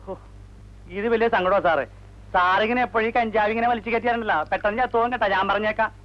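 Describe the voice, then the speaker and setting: A man's voice: high voice, steady tone, rapid-fire, close to an everyday voice. An actor as a fretting male servant. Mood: worried. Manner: pleading, scolding with concern. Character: fussing, worried male servant. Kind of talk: film dialogue. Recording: dull old film sound.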